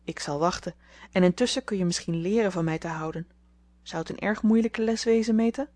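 A shy, earnest young man in love speaks in a gentle, pleading way, as a woman reading a storybook aloud voices him. He sounds tender and soft. Her voice sits a little low. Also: a little fast, no echo, natural voice.

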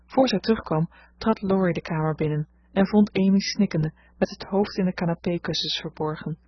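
Woman reading a story aloud, steady, husky, dry close sound, bit dull. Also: on the low side, moderate pace, no room sound. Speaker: audiobook reader. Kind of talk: scripted narration. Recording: dull lo-fi recording.

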